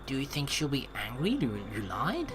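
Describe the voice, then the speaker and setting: Against a noisy background, this let's play commentator rambles casually at a moderate pace, sometimes reading the game's text out loud. The medium-pitched voice swings hugely in pitch, sounding like thinking aloud.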